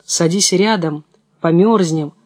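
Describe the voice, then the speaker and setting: A thin, ringing, icy old spirit of frost, put on by a storybook narrator with a fairly high voice. He speaks very slowly and evenly, as if dictating from a book. The recording is close and dry. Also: no room sound. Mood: cold, measured. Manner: slow, measured, as if dictating from a book. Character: ancient icy great-grandfather of frost, calm and cold.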